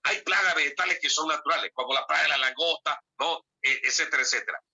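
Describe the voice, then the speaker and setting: A man giving a classroom lecture, speaking straight to his students and tagging his points with quick questions. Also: on the high side, sharp tone, breathy edge. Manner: peppers talk with tag questions to students; addresses listeners directly, conversational. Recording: dull lo-fi recording.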